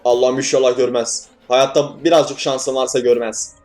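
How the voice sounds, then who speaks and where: A man's voice: medium pitch, flat delivery, normal speed, a little mellow. A young man commentating a horror game as he plays, swearing and yelping at scares, then laughing them off. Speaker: gaming YouTuber.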